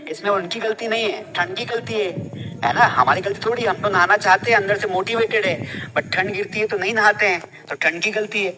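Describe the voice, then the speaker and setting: A man's voice: high voice, brisk, low-quality recording. A man teaching English phrases in a casual classroom style, quizzing his listeners with repeated questions.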